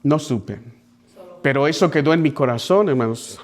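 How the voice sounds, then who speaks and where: A man's voice: mid-range voice, expressive, normal speed. A man preaching as a pastor, telling a story earnestly to his congregation and calling them brothers. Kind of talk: sermon storytelling.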